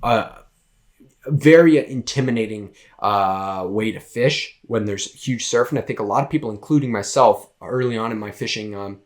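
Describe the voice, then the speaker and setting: A man's voice: fairly low pitch, normal speed. A young man with a Massachusetts accent hosting a casual solo podcast, rambling with many fillers and restarts. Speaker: podcast host.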